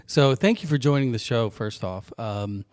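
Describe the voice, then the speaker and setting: A man hosting a podcast in casual chat, joking and halting with fillers and restarts. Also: medium pitch, darkish tone, no room sound, clean studio sound. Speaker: podcast host.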